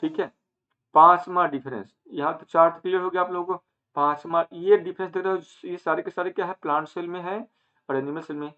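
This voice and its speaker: Hindi teacher, slightly high voice, tinny line. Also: male voice, fairly even intonation. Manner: asks questions and answers them himself; mixes in English terms, drawn-out slow phrases. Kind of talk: online classroom lecture. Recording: phone-like narrow band.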